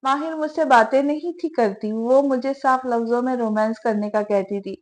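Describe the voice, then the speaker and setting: A woman's voice: on the high side, lightly acted. A woman voicing a sulky young man in a novel reading, speaking with irritated sarcasm.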